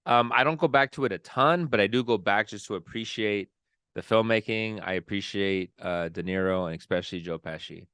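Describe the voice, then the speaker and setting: A man co-hosts a podcast, chatting in a laid-back, joking way full of playful exaggeration. His fairly low voice is clear and resonant with a fairly bright tone, and he speaks fairly quickly. The studio-quality recording has no room sound.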